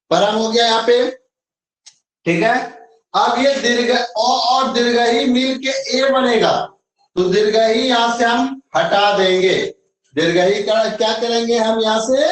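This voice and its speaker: A man with a high voice teaches an online grammar class, explaining slowly, repeating each step and checking that students follow. He sounds far from the mic, in a very echoey room. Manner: slow, repetitive explaining with frequent check-ins.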